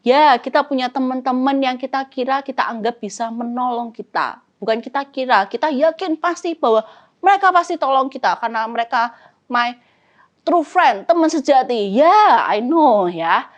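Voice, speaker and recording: A woman's voice: sits high, normal speed. A woman with an Indonesian accent preaching at a youth service, talking casually, mixing in English phrases and asking and answering her own questions. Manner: talks casually to youth, role-plays prayers. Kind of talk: sermon. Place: church, streamed service.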